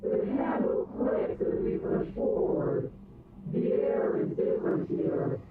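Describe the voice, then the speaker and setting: An actress playing a menacing, defiant princess possessing a body in a video game, with slow, deliberate, commanding delivery. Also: female voice, lightly acted. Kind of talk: dramatic video game voice acting. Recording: thin phone-like band, loud background noise.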